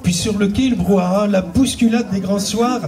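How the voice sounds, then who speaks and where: Male slam poet, high soft mellow voice, lyrical recital, distant mic. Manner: measured, lyrical delivery. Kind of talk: spoken-word slam recital.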